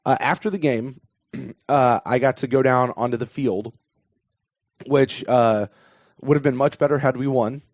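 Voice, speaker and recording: A man's voice: medium pitch, fairly even intonation, measured pace, long pauses, no echo. A man, hosting a casual sports podcast. His voice is a bit worn, and he rambles and restarts his sentences. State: losing his voice. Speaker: podcast host. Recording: dull dry podcast audio.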